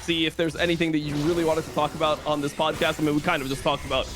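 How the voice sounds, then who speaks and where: Podcast host, man, slightly high voice, relaxed, lots of fillers. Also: very fast, music in the background. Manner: relaxed, filler-heavy, wrapping up. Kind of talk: casual podcast chat.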